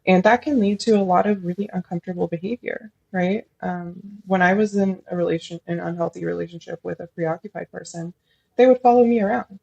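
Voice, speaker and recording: A woman's voice: fairly low pitch, creaky, a little mellow, husky, no room sound, lo-fi sound. A woman social worker as a podcast guest, talking thoughtfully and at length with many fillers. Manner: admits feeling nervous while explaining. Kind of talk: casual podcast interview.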